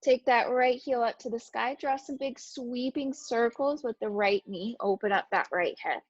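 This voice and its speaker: A woman instructor calmly guiding a gentle yoga class, cueing each breath and movement. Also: on the high side, normal speed, no room sound, highs cut off.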